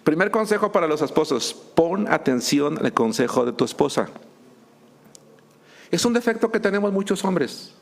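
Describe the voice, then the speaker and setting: A man's voice: a little high, expressive, normal speed, gravelly. A man, a pastor preaching a sermon, joking and acting out little scenes between husbands and wives. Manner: humorous, acts out couples' dialogue.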